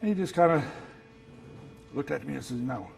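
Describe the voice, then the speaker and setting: A man, telling his story in an interview in a halting, soft-spoken way, filling his talk with "you know.". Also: a little high, animated, creaky, faint music behind, poor audio. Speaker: actor who works as Santa, telling his story.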